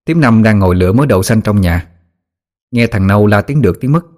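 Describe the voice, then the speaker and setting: Một người đàn ông giọng miền Nam kể truyện ma dân gian như sách nói, giọng mộc mạc, sinh động. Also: male voice, lowish voice, animated, brisk, a little mellow. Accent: Southern Vietnamese. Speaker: storyteller. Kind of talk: audiobook narration.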